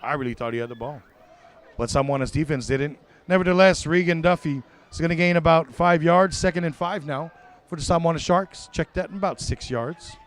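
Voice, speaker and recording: Excitable play-by-play announcer, man, slightly high, smooth resonant voice, live game call. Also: a little fast. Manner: excitable, corrects himself mid-call. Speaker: play-by-play commentator. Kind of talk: live football commentary.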